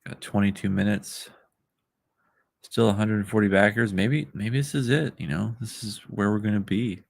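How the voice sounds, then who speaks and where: A man talking casually on a livestream about his crowdfunding campaign, rambling and halting with lots of ums and restarts, through poor-quality stream audio. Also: lowish voice, fairly even intonation, creaky, dry recording. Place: a makeshift spot away from his usual setup.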